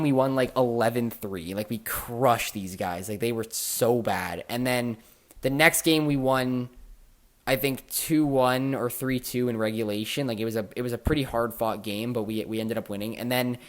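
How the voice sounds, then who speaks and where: A man hosting a casual podcast, telling stories in an animated way and swearing often. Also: mid-range voice. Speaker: podcast host.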